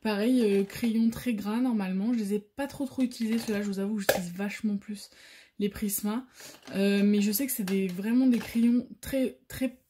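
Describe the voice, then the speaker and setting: A woman hosting a casual coloring vlog, talking quietly and at times in a whisper so her sleeping baby is not woken, with many hesitant fillers and restarts. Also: medium pitch, steady tone, normal speed, noisy background. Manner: speaks softly, sometimes whispering, so her baby keeps sleeping. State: out of breath. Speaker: coloring channel host. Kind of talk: casual show-and-tell vlog.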